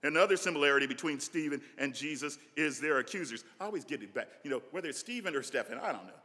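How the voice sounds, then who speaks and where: A man preaching a sermon as senior pastor, animated and given to restarts and asides. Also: fairly high pitch, rapid-fire, in a large hall.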